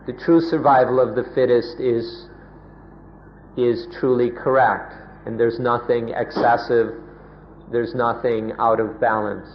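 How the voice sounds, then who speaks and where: A man translating a Buddhist talk into English, measured and careful, with pauses and restarts. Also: medium pitch, steady tone. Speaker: interpreter. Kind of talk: slow spoken translation. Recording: muffled tape with faint hiss.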